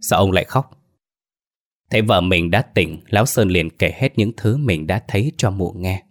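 A man narrates a folk horror story at a normal pace, his voice low and deep. The telling is earthy and unadorned, staying even throughout the scenes.

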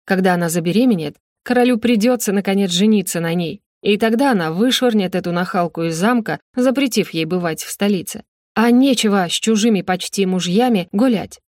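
A woman narrating a story in an even, measured reading. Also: medium pitch, no room sound, clean studio sound. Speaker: audiobook narrator. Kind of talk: scripted narration.

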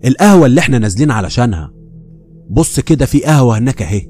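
A man's voice: medium pitch, big pitch swings, very fast, dark tone, soft background music. A man with an Egyptian accent voicing his restless, uneasy young coworker in a horror story, speaking insistently. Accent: Egyptian Arabic. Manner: insistent, pressing.

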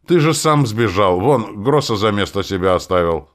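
A man's voice: on the low side, lively intonation, moderate pace, voice pushed up, natural voice. A man voicing Ker, a stubborn, vengeful teenage boy who snaps back sulkily in an audiobook. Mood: sulky. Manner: sulky, snapping back.

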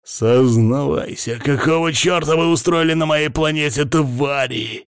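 A man voicing a furious, hysterical male hamster-like alien who yells shrilly and swears. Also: unhurried, clear, resonant tone, no echo, clean studio sound. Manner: shrill, hysterical, foul-mouthed yelling.

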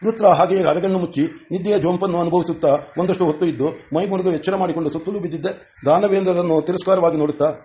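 Male storybook narrator, even and steady, a little high-pitched. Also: quick pace. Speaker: audiobook narrator.

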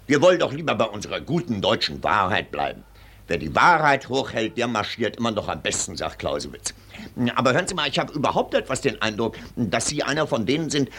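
An older actor playing a pompous, condescending military colonel in a 1940s radio drama, lecturing in a blustering, patronizing way. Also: male voice, medium pitch, a bit bright, a little hiss or hum.

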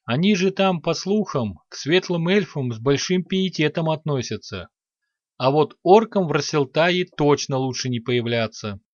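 A man's voice: fairly high pitch, lively intonation, moderate pace, dry recording, muffled recording, close to an everyday voice. A man voicing a skeptical, haughty male elf in an audiobook.

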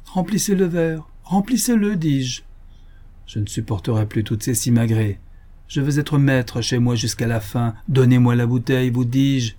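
A man's voice: mid-range voice, fairly even intonation, a little slow, warm tone, natural voice. A man reading aloud voices a dying, hard-drinking old baronet who keeps insisting and commanding, rising to angry outbursts. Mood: angry, demanding.

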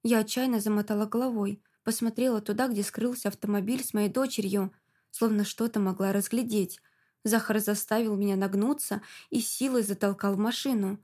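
A woman narrating a first-person audiobook with a steady, expressive reading. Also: medium pitch, brisk.

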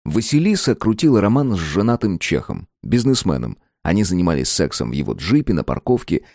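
A man narrating an audiobook in an expressive storytelling manner. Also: low-pitched, brisk, no echo, clean studio sound.

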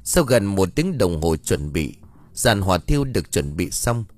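A man narrating an audio story in an expressive storytelling manner. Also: sits low, normal speed, no room sound. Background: faint background music.

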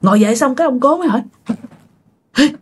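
A woman tells a ghost story in a casual, chatty way. She talks straight to her listeners. Her fairly high voice moves through a wide, animated range. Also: racing, breathy edge. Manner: chatty, addresses listeners directly.

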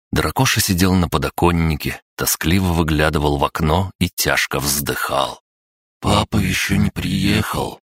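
Very deep-voiced male narrator. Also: a bit bright, slightly rough, dry recording, clean studio sound. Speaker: audiobook narrator. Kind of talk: scripted narration.

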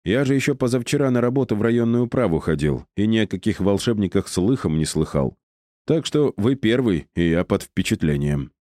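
A man's voice: fairly low pitch, dry recording, studio quality, pitched above the performer's own voice. Man voicing a glib young clerk. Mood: wheedling. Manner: flattering, wheedling, quick to bargain. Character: cheeky young male office clerk, glib talker.

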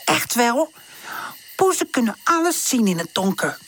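A woman's voice: on the high side, sing-song, a little slow, fairly bright tone, a little hiss or hum, pitched above the performer's own voice. A woman voicing a drowsy, self-assured female cat in a children's storybook. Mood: knowing. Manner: drowsy and knowing.

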